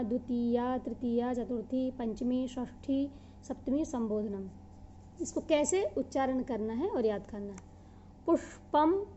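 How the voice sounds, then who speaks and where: A woman teacher giving a grammar lesson, reciting word forms slowly and having the class repeat after her. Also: high-pitched, mellow, lo-fi sound. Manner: measured, drawn-out chanting of word forms.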